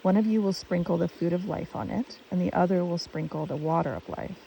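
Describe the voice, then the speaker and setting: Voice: medium pitch, a little fast, creaky, mellow, close to an everyday voice. A storyteller voicing a troubled father god giving solemn instructions. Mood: commanding. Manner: grave, lamenting. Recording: distant mic with stream noise.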